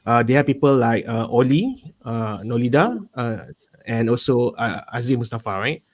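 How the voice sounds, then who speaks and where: A man's voice: mid-range voice, normal speed. A man with a Malaysian accent giving a casual explanation as a panel guest, often checking in with a "right?". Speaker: panel guest, business coach.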